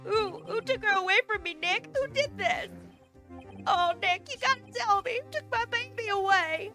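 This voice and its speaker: A woman voicing a melodramatic, heartbroken young man who sobs and shouts in despair. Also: very high voice, normal speed, soft background music, pitched above the performer's own voice. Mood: despairing wail. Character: wailing heartbroken young male friend.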